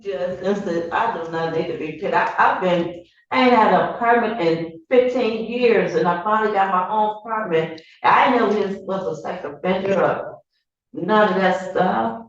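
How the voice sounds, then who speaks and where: A woman's voice: medium pitch, moderate pace. An older woman who sounds drunk, pleading her case as a tenant in a casual, rambling, joking way. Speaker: tenant appearing in court. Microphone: far from the microphone. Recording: very echoey, distant, dull room audio.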